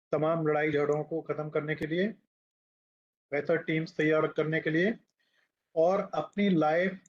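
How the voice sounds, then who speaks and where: Slightly high-voiced male teacher, lo-fi recording. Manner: explains slowly, asks the class questions. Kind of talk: classroom lecture. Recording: dull lo-fi classroom recording.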